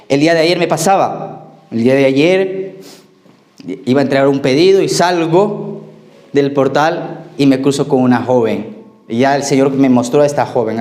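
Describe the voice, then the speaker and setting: A man's voice: medium pitch, darkish tone. A man preaching a sermon as pastor, telling stories and asking his congregation questions. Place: church. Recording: echoey church hall.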